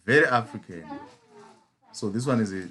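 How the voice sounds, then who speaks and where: Expressive and fairly low in pitch, at a normal speed and with a slightly bright sound, a Zimbabwean mentor teaches chart patterns in a live trading lesson. His Zimbabwean English accent comes through as he repeatedly asks "as a what?"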